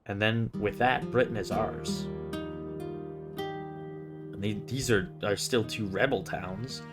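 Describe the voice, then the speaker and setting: A man's voice: lowish voice, takes it slowly, over music. A man giving casual commentary as he plays a video game.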